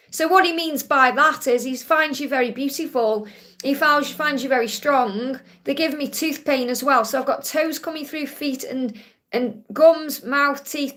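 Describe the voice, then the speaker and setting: A woman's voice: high voice, a bit bright. A woman from Stoke-on-Trent with a Stoke accent, giving a live card reading and chatting to viewers in a reassuring, direct way. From Stoke-on-Trent, England. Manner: reassuring, addresses listeners directly, often checks with "okay?". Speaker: psychic card reader hosting a live stream.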